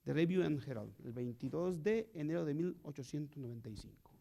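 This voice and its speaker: Man, church sermon, fairly high voice, animated rhetorical questions. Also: fairly quick, gravelly. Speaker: preacher.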